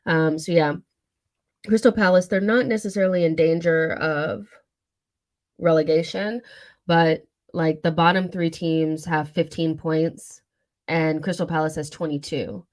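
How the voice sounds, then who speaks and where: A hoarse woman with a cold hosting a casual football chat stream, talking loosely with many fillers and asides. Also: low voice, fairly even intonation, unhurried. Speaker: football channel host.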